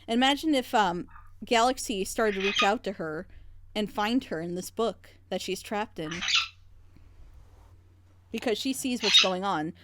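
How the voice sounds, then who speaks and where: This woman, speaking at a medium pitch and a measured pace with long pauses, lays out her critique of an animated series at length. It's casual, opinionated reaction-show commentary, and the recording is very noisy.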